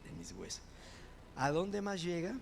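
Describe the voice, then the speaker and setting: A male pastor preaching a sermon, asking the congregation questions and swinging between quiet asides and shouted repetition. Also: fairly high pitch, sing-song, unhurried, creaky, slight background noise.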